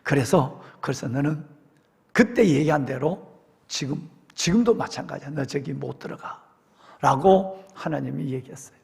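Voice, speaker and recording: A man voicing God as a stern, fatherly divine figure in a sermon retelling, speaking plainly and low. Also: measured pace, vocal fry, breathy edge, full character voice. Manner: low, plain-spoken, scolding then gentle. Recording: long church hall reverb.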